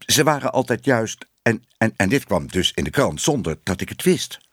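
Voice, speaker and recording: A man's voice: fairly low pitch, big pitch swings, moderate pace, husky, dry recording, studio quality. A man reading a storybook and voicing a nervous, stammering male newspaper editor.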